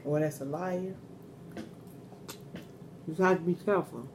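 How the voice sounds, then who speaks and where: A woman's voice: deep voice, unhurried, noisy background. A middle-aged woman chatting casually and giving earnest advice while eating crunchy fried chicken in a mukbang. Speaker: mukbang host.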